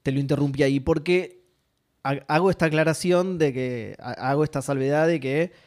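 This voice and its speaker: Animated Argentine man, higher voice. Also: a little fast. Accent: Argentine Spanish. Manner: animated, swears freely, laughs often. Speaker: podcast co-host. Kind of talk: casual gaming chat.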